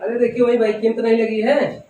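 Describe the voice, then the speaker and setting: A man's voice: extremely high pitch, little pitch movement, fairly quick, mellow, dull audio. A man teaching a classroom lesson, asking the class questions over and over and calling the students "bhaiya" and "children". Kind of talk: classroom lecture. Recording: echoey room, voice from far off, class noise behind.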